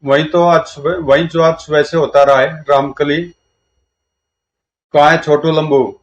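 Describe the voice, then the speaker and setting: A man reading a comic story aloud and voicing all of its characters in a lively way. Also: a little high, measured pace. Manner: lively, shifts between characters' lines. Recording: dull lo-fi recording.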